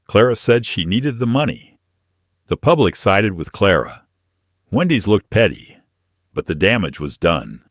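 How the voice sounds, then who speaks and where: A man reading a scripted documentary narration in short, measured, declarative sentences. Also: on the low side, very animated, no echo, studio quality.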